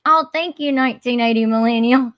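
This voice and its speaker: Higher-voiced woman with deep Southern accent. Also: fairly quick, lo-fi sound. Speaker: video channel creator. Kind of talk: casual live stream chat.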